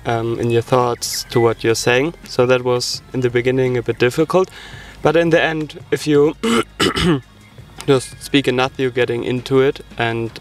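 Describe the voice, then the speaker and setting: A young man from Germany, a native German speaker, talking in a thoughtful, measured way about volunteering. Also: mid-range voice. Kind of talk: casual group chat.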